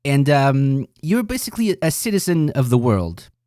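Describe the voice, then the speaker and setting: Upbeat podcast host, lively pitch. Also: male voice, normal speed, no echo, clean studio sound. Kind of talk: scripted intro then casual interview chat.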